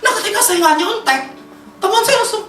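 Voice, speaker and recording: Brief: chatty Jakarta-accented woman preacher, bright lively voice, echoey church hall with faint music. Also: very high-pitched, a little fast, distant mic, slight background noise. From Indonesia. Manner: chatty, laughs often, lively. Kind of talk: sermon.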